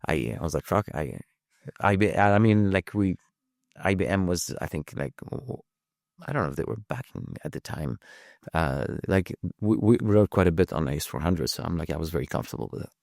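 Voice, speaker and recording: Low-voiced man telling his story. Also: expressive, creaky, a little mellow, dry recording, studio quality. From Lebanon. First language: French. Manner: halting, many restarts and fillers, swears casually. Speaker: podcast guest. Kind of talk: casual storytelling.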